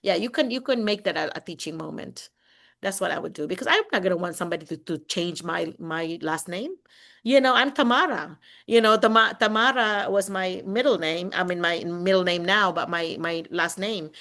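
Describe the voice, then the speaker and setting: A woman's voice: on the low side, a little fast. A woman from the Philippines, a teacher, chatting casually on a video call, telling stories with frequent laughter. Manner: chatty, laughs often, animated storytelling. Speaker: teacher and session leader.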